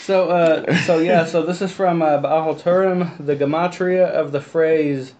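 A man's voice: a little high, fairly even intonation, measured pace, a crowd in the background. A man from Texas with a Texan accent, reading a passage in casual discussion on a livestream. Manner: apologetic, easygoing. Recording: lo-fi stream audio with faint noise.

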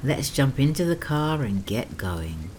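Very low, slow, sultry woman's sleep narration. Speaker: host of a sleep story series. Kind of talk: slow sleep-story narration with guided breathing. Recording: clear rain noise behind the voice. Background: steady rain.

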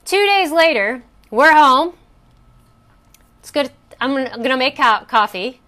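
A woman's voice: high-pitched, lively intonation, a little slow, sharp tone. A woman hosting a personal coaching talk, telling a story in a chatty way with fillers and restarts. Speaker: host.

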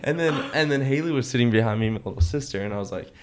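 Speaking rapid-fire in a mid-range voice, a young podcast co-host trades slangy casual chat and stories, with slight background noise behind him. He's animated and acts out the quotes as he goes.

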